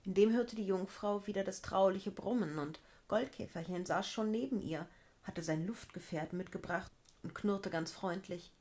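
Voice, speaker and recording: A woman storyteller calmly narrating a fairy tale for children and adults. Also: mid-range voice. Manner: calm, measured telling.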